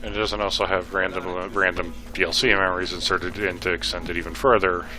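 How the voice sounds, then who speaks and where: A man's voice: sits low, level tone, quick pace, pushed and bright, faint music behind, rough recording. A man co-commentating a let's play with dry, offhand remarks. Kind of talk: casual gameplay commentary.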